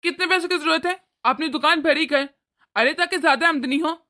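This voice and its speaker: A woman voicing a wise older father-in-law in a cartoon, gently lecturing his wife. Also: high-pitched, a little fast. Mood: fatherly. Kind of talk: cartoon voice acting.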